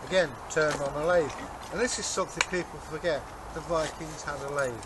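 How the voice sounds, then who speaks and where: Speaking fairly quickly in a fairly high, steady voice, the older Viking re-enactor co-host casually shows and explains things. The camera sits a few metres off in a leafy garden, catching birdsong and faraway traffic.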